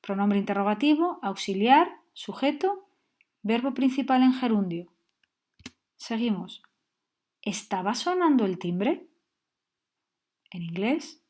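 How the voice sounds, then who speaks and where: Woman teaching grammar, slightly high. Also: expressive, slow pace, long pauses, a little mellow. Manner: clear, patient explaining with frequent check-ins. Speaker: English teacher. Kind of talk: grammar lesson.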